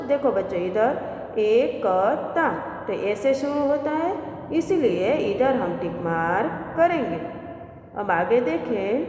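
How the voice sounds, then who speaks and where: Woman, teacher, slow drawn-out explaining, lively pitch, roomy echo, faint hiss. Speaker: primary school teacher. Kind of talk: recorded Hindi lesson for young children.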